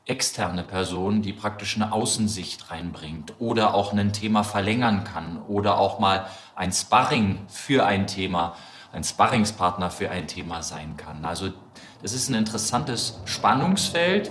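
Man on a roomy, low-quality stream. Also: animated, a little slow, fairly bright tone. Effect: low-quality remote audio. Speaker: podcast guest, communications head. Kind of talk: interview answers. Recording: roomy, degraded stream audio.

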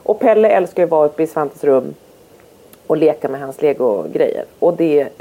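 A woman chatting casually as a co-host and telling lively anecdotes, acting out what others said. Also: deep voice, husky, narrow, tinny audio. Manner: lively storyteller who acts out what others said. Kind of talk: casual chat.

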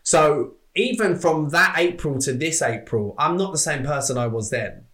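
A man's voice: fairly high pitch, moderate pace. Candid man in his thirties. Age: 30s. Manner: candid, swears freely, animated storyteller. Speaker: podcast guest. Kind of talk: casual chat.

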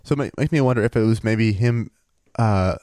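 A man co-hosting a casual podcast, telling a story in a relaxed way and thinking aloud. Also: on the low side, a little fast, no echo, studio quality.

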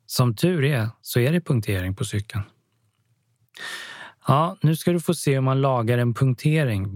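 A man narrating an audiobook story in a calm storytelling manner, close to the mic. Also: medium pitch. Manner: calm storytelling, voices each character.

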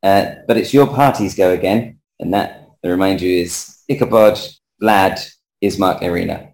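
A man narrating as game master of a tabletop game, relaxed and chatty with frequent hesitations. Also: low voice, moderate pace, creaky, roomy sound, low-quality recording.

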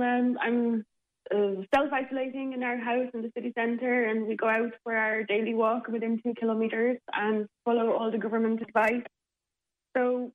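A woman from the Republic, a theatre programme manager, speaking as a radio interview guest in a hesitant way with many fillers. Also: fairly high pitch. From Czech Republic. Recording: tinny phone line.

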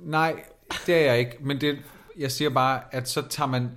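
A man's voice: medium pitch, fairly even intonation, fairly bright tone. A man in casual podcast chat, co-hosting in a playful, teasing way. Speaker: podcast co-host.

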